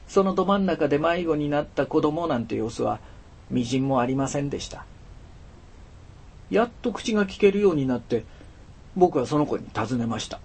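A man narrating a storybook in an expressive, dramatic storytelling manner with a husky voice. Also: a little high, moderate pace, pauses often. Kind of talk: storybook reading.

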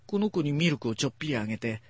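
Storybook housewife, soft and doting, cooing, voiced by a male reader. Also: fairly high pitch, big pitch swings, rapid-fire, breathy edge, no room sound. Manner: cooing, gentle.

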